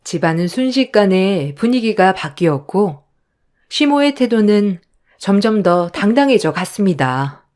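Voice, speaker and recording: A woman's voice: medium pitch, big pitch swings, unhurried, a little mellow. A woman narrating a first-person family story in a confiding way.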